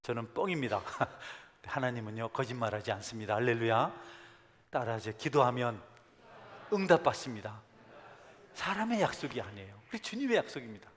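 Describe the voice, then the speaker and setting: A male pastor preaching a sermon. He swings from soft asides to emphatic calls. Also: medium pitch, expressive, a little fast. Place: church sanctuary. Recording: long church hall reverb.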